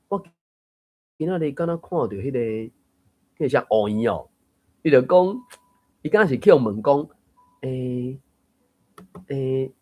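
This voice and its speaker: A man with a husky, slightly breathy voice leads a casual reading-group chat. He explains points patiently and thinks aloud, now and then chuckling. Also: medium pitch, darkish tone. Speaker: host of a Taiwanese reading group. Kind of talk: casual discussion of a book reading.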